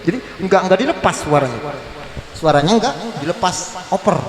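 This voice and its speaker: A man teaching Quran recitation rules in a mosque, breaking into slow chanted verses and quizzing his students. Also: high voice, animated. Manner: quizzes the class. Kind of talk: tajwid lesson with chanted recitation. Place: large mosque hall. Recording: echoey mosque hall with crowd.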